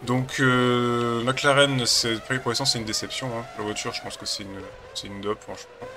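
Playing a racing game, a gaming channel host chats in a loose, rambling, hesitant way while nursing a cold. He speaks at a normal speed in a steady, mid-range voice, with background noise present.

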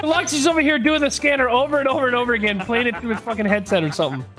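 A man's voice: very high voice, very fast, bright, forceful tone, faint music behind. A man in casual group voice chat during a game, swearing and accusing the others in banter.

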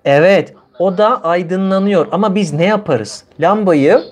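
Speaking at a measured pace in a high voice, a language teacher in his thirties leads a livestreamed conversational lesson, keeping his phrasing simple and repetitive so learners can follow. The setting is a small indoor room, and clicks and obvious noise run through the recording.

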